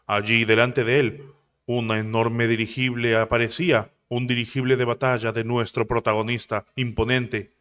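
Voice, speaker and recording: A man narrating a comic story recap, retelling scenes quickly and now and then correcting himself mid-word. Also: mid-range voice, fairly bright tone. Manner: rapid retelling with occasional self-corrections.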